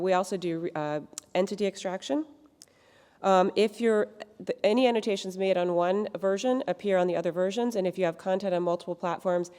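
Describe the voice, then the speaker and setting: A woman giving a brisk lightning talk at a conference while losing her voice, clearing her throat now and then. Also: lowish voice, a little mellow. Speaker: conference presenter. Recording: reverberant conference hall.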